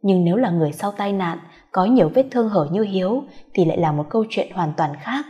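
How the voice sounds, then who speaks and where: Mellow-voiced woman narrator. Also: medium pitch, fast, highs cut off. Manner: steady storytelling. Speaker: story reader. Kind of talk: scripted narration.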